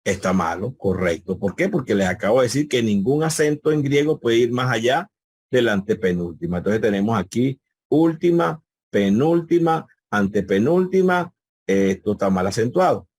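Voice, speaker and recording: A man's voice: fairly low pitch, lively intonation, a little fast, a little mellow, husky, no echo. A man teaching a live online Greek class over a video call, patiently repeating key words and quizzing his students.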